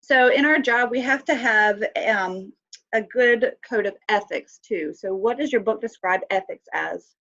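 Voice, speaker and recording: A woman instructor with a slight cold, sniffly as she speaks, teaches an online class, asking students questions and using lots of fillers. Her voice is on the high side, a little slow and a bit bright, and the audio is dull.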